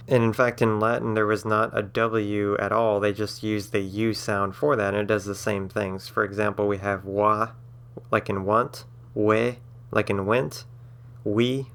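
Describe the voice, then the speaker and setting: Low creaky-voiced guy doing a patient lesson, slows down to sound stuff out. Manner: patient, spells out sounds slowly with fillers. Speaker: language-building tutor. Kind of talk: explanatory lesson.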